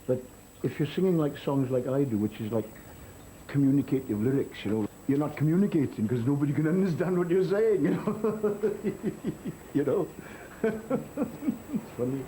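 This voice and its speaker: A man's voice: on the high side, animated, normal speed, mellow, slight background noise, low-quality recording. A man, a singer-songwriter being interviewed, talking in an easygoing way that often slips in "you know", heard from a worn videotape copy. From Wales. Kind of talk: casual interview talk.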